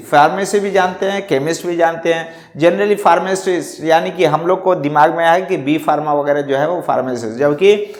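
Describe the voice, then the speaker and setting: A man's voice: on the high side, roomy sound. A man teaching a lesson, going through word pairs one by one and repeating each term as he explains it.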